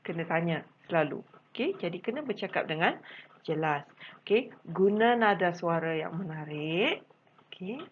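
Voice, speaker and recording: A woman's voice: on the low side, expressive, normal speed, highs cut off, slight background noise. A woman teacher speaking Malaysian Malay, giving a patient recorded lesson to special education students, repeating her points with frequent fillers.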